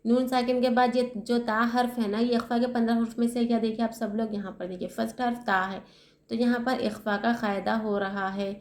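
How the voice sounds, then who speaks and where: A woman teaching Quran recitation step by step. She asks her own questions and answers them, and she spells out letters slowly. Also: a little high, fairly even intonation, a little mellow. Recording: echoey room.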